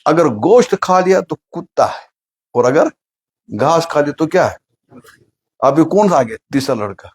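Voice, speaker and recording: A man's voice: on the high side, lively intonation, pauses often, slightly rough. A man giving a sermon, telling a funny story and asking the listeners questions. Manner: asks the audience questions, acts out story characters. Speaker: Islamic preacher.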